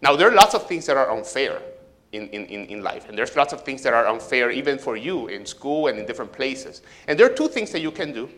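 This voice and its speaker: A man telling a Bible story to children during a worship service. He talks with animation and keeps asking them questions. His pitch sits in a middle register. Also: a little fast. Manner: animated, asks children questions, acts out quoted voices. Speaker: pastor giving a children's message.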